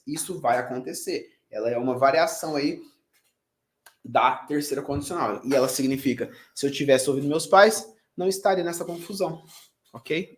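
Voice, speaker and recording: A man teaching an online English lesson. He reads English example sentences slowly and then translates them. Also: on the high side.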